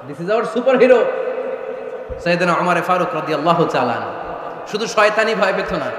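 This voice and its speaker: A high-voiced male preacher delivers a waz sermon, bright and forceful. His voice booms through a loudspeaker, carried by long, roomy echo. He tells stories with animation and keeps turning to the crowd with questions. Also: a little hiss or hum. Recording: echoey outdoor hall PA.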